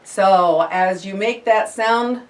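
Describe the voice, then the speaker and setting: A woman's voice: mid-range voice, slow. A woman leading a small group in a sound-healing workshop, explaining casually and then chanting vowel sounds and intoning invocations to the directions. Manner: informal, explains with fillers and restarts. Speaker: workshop leader. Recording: voice from far off the mic.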